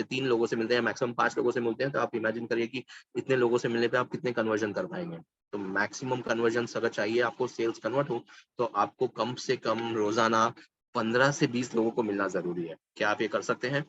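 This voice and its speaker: A man's voice: mid-range voice, a bit bright, highs cut off, a little hiss or hum. A man leading a live sales training session, mixing Hindi with English phrases and quizzing his audience with "right?". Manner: stretches out and stresses single words to show emphasis; asks the audience questions, adds "right?".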